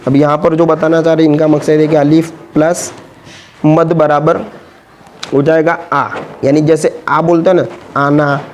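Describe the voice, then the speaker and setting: A man teaching Urdu reading, patiently sounding out letters and syllables one at a time in a slow, spelled-out lesson. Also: fairly high pitch, level tone, a little mellow, slight background noise.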